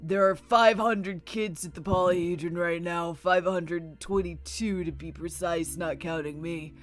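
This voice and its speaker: A woman's voice: on the low side, fairly even intonation, measured pace, soft background music, natural voice. A woman voicing an imperious, precocious boy leader in a video game, haughty and declamatory. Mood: commanding. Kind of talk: reading game dialogue aloud.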